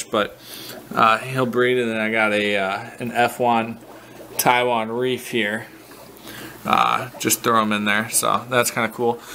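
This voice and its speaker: A man from the American Midwest giving a casual, halting walkthrough of his basement fish tanks, full of fillers and restarts, recorded on a handheld camera. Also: medium pitch, pushed and bright, a little hiss or hum. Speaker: fish breeder vlogger. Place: basement fish room, indoors.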